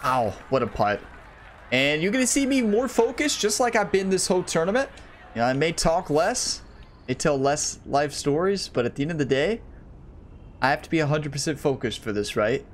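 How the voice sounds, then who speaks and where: Chatty and very animated, this man's fairly high voice moves at a moderate pace as he talks to viewers while playing a game. A gaming YouTuber doing casual let's-play commentary, he sounds a little worn from slightly losing his voice, with some background noise audible.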